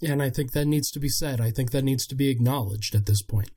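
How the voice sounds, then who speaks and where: Hoarse, gravelly-voiced man hosting sports podcast. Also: medium pitch, a little fast, dark tone. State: sick, with a hoarse, worn-out voice. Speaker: podcast host.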